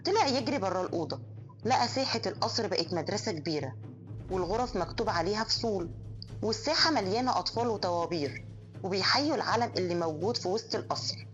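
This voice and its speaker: A woman with an Egyptian accent narrating a horror story in a brisk, suspenseful storytelling manner. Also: medium pitch, animated. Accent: Egyptian Arabic. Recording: dull lo-fi audio. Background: faint music.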